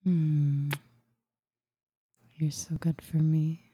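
A woman whispering softly into a close mic in a soothing roleplay, with long murmured hums and hushing. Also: sits low, level tone, very slow, slightly rough, no echo. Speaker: ASMR roleplay performer.

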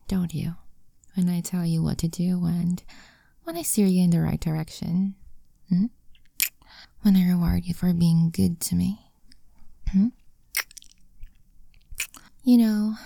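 A young woman whispering an intimate, coaxing audio roleplay in a soft, commanding way. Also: mid-range voice, creaky, husky, dry recording.

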